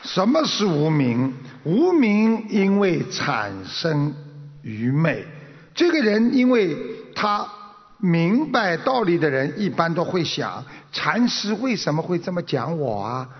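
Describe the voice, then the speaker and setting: A man's voice: a little high, very animated, slow pace. A man giving a Buddhist sermon to a seated audience, telling stories, acting out the quotes and chuckling. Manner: storytelling, acts out quotes, chuckles. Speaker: Buddhist master. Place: lecture hall with audience. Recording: dull recording in an echoey hall.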